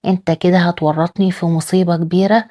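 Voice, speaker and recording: A woman's voice: on the low side, level tone, fast, mellow, natural voice. A woman reading a desperate indebted old diplomat. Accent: Egyptian Arabic.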